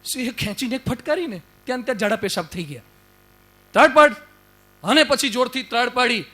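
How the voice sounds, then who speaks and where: A man's voice: extremely high pitch, animated, fast talker, bright, forceful tone. A man preaching a sermon as a monk, telling folksy, humorous stories and urging his listeners on. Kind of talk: storytelling sermon.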